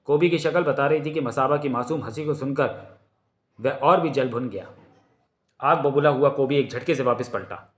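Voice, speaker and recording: A man narrating a comic book in an expressive storytelling manner. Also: medium pitch, normal speed. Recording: roomy echo.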